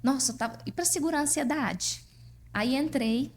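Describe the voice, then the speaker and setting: A Brazilian woman, a podcast guest, telling a personal story in a lively way and acting out what people said. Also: sits high, moderate pace. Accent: Brazilian Portuguese. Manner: lively, acts out dialogue in her stories. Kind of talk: personal storytelling in casual chat.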